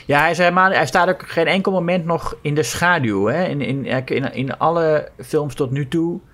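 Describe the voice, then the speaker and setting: A man's voice: a little high, moderate pace, a bit bright. A man co-hosting a podcast, discussing horror films casually with hesitations, repeated words and frequent laughs.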